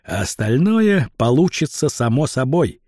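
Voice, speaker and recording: A naive young village lad, as a male reader puts him on, earnest and a little unsure of himself. The husky voice rises and falls a lot, and the recording is dry and close, like a storybook read aloud. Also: medium pitch, big pitch swings, unhurried, a little mellow, dry recording. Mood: determined. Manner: hesitant, unsure.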